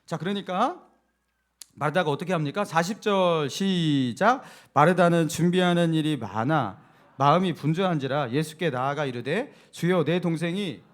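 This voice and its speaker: A man, a senior pastor, preaching a sermon, telling the story with animated asides and asking the congregation questions. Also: on the high side, moderate pace. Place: church sanctuary.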